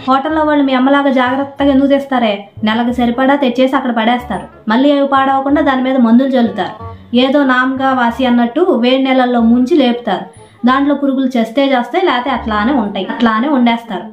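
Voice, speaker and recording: A woman's voice: high-pitched, steady tone, fast talker. A middle-aged woman plays a mother in a scripted family skit, scolding and lecturing at length. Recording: roomy, dull home recording with music underneath.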